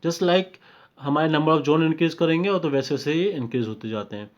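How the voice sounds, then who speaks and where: Speaking at normal speed in a voice on the high side, an Indian-accented man walks through a technical tutorial step by step, informally and repetitively, with brief confirmations and English tech terms mixed in. He's a technical trainer, and the mic sound is dull and lo-fi.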